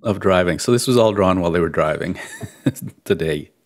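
Gravelly low-voiced man hosting a chat. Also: expressive, moderate pace. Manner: chatty, self-mocking, laughs easily. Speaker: host of a live drawing session. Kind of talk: casual online chat. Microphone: close desk mic, wearing headphones.

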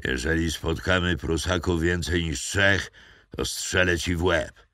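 A man's voice: deep voice, unhurried, pushed and bright, dry recording, studio quality. A man reading an audiobook, voicing a young male officer who gives curt, commanding orders. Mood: stern. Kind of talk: audiobook character voice.

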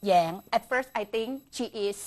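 A woman English tutor from Thailand, answering student questions in a lively classroom style and softening her phrases with polite particles. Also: fairly high pitch, drawn-out words. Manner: polite, ends phrases with soft "na kha" particles.

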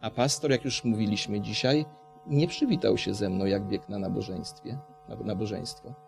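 A man's voice: lowish voice, moderate pace, creaky, darkish tone, soft background music. A man from Poland preaching a sermon, passionate, asking the congregation rhetorical questions.

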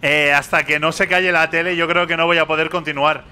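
A man's voice: fairly high pitch, level tone, brisk, pushed and bright, clear, resonant tone. A young man from commentating a horror game, nervous, repeating phrases and talking to himself. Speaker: gaming youtuber.

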